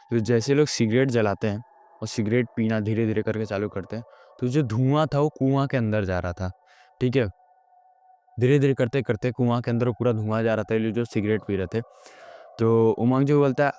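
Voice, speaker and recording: A man's voice: mid-range voice, steady tone, brisk, a little mellow, clean tone. A man with a Hindi accent casually telling a horror story, rambling with frequent fillers and self-corrections.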